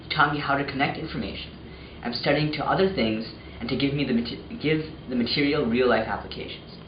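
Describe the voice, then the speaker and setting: A man's voice: mid-range voice, a little fast. A young man telling his story as a student in a plain, earnest scripted testimonial. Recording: echoey, muffled, faint noise.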